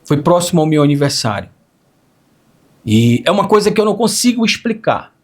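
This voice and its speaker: A man with a lasting hoarse, raspy voice, earnestly telling an emotional faith testimony and repeating phrases as he recalls it. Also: a little high, very animated, brisk. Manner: earnest, storytelling with repetitions. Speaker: testimony speaker.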